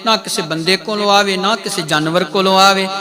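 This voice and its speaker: Male Punjabi-accented preacher, high voice, drawn-out chanting delivery, crowd audible behind, sermon. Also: fairly even intonation. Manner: drawn-out chanted phrases with sung quotes. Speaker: kirtan preacher. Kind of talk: Sikh religious discourse.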